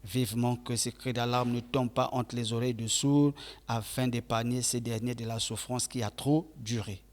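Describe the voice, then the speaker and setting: A male reporter reading a scripted television news voice-over in a formal, measured way. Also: mid-range voice, fairly even intonation.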